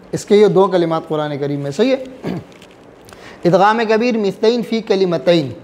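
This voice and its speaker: A man teaching a recitation class, drilling his students with repeated check questions and reciting examples slowly, letter by letter. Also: sits high, a little mellow. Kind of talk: classroom lesson.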